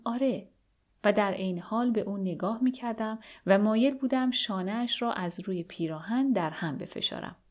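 Steady woman narrating an audiobook. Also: mid-range voice. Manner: steady, measured first-person narration. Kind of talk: audiobook reading of a novel.

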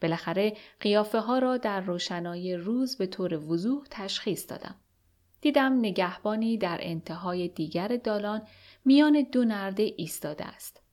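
Brief: woman audiobook narrator, even and measured storytelling. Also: medium pitch. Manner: steady, measured first-person narration. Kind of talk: audiobook reading of a novel.

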